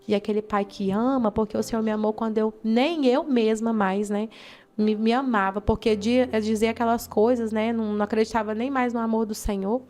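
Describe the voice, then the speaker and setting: Uma jovem missionária com sotaque brasileiro dá seu testemunho pessoal com emoção, contando cenas vivas e imitando as falas das pessoas. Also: female voice, on the high side, fairly even intonation, a little fast, a little mellow. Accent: Brazilian. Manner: fervent, vivid storytelling with acted-out quotes. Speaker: missionary giving testimony. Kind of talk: emotional personal testimony in an interview.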